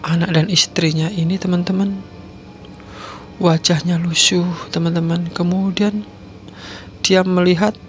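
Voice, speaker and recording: A man's voice: sits high, level tone, a little slow, long pauses, faint music behind. A man telling a horror story and talking directly to his listeners, often dropping to a whisper. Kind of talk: spoken horror story narration.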